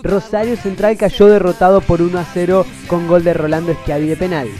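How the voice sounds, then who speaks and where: A man with a high voice reads a sports news report in a steady, scripted manner. Clear guitar music plays under him. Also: brisk. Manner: read, even newsreader delivery. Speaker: report narrator.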